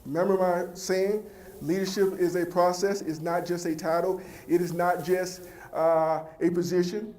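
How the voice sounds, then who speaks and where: A man's voice: high-pitched, level tone, moderate pace, a little mellow. A man giving a heartfelt, emphatic motivational speech to a young audience, speaking directly to the crowd. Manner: heartfelt and earnest. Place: large event hall with a live audience. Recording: echoey hall with faint ambience.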